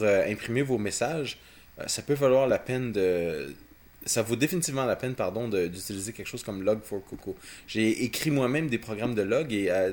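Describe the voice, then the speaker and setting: A man with a Quebec French accent co-hosting a casual technical talk, explaining haltingly and often repeating words. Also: fairly low pitch. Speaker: podcast co-host.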